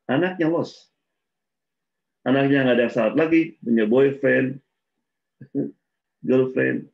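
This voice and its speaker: In a dull lo-fi recording, a man with a medium-pitched, steady, gravelly voice preaches a casual religious talk at a slow pace. He tells stories, acts out the dialogue, and laughs between points.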